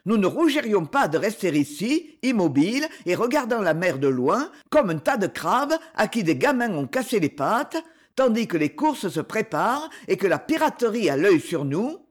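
A pompous old sea captain, voiced by an audiobook narrator, stirs up his fellow sailors with a declamatory speech. His delivery leaps up and down in pitch and pushes on to rally them. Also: very animated, normal speed. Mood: rousing. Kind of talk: audiobook reading.

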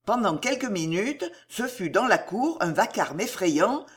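An audiobook narrator who reads with drama and vivid colour, the pitch rising and falling widely from phrase to phrase. The voice sits at a medium pitch and carries the action of the scene. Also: very animated, a little slow, a bit bright, slightly rough. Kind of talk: scripted narration of a historical adventure novel.

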